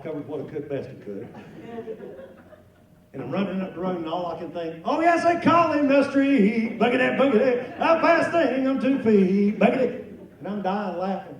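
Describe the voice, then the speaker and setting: A middle-aged man telling a comic story to an audience, animated and folksy, acting out exclamations and sound effects. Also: fairly high pitch, highs cut off. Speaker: luncheon guest speaker. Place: large event room at a lunch. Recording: echoey hall from far off, room noise.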